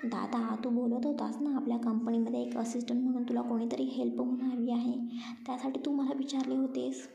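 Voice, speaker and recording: Storybook reading: woman doing a pleading, peacemaking young sister, mellow and gravelly. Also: fairly high pitch, level tone, a little fast. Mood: coaxing. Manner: pleading, coaxing. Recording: roomy, muffled lo-fi recording.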